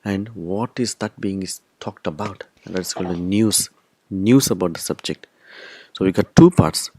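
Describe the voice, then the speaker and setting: A man's voice: sits low, moderate pace, mellow, a little hiss or hum. A man teaching a recorded language lesson, explaining step by step and repeating key terms. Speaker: Arabic teacher.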